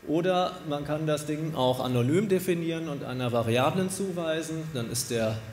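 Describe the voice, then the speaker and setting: Middle-aged man, developer giving a conference talk; relaxed, explanatory, filler-heavy; podium mic in a reverberant lecture hall with faint hiss. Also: a little high, normal speed. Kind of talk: conference talk with live coding demo. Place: large lecture hall with audience. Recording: echoey hall from a distance.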